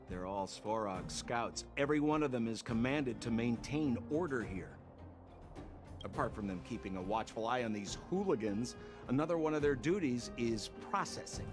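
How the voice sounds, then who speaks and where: A man voicing a sly smooth-talking trickster. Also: medium pitch, lightly acted. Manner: playful and glib. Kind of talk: game voice acting. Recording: game audio with music.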